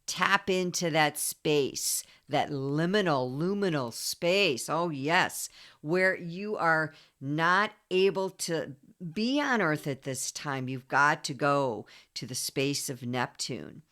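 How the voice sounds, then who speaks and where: A woman voicing a commanding dark goddess who scolds loudly and insistently. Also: sits low, lively intonation, slow, full character voice. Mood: stern, urgent.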